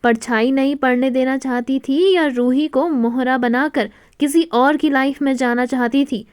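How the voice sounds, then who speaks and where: A woman voicing a bitter estranged husband who calmly explains what went wrong. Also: sits high, unhurried, clean tone, no echo, studio quality.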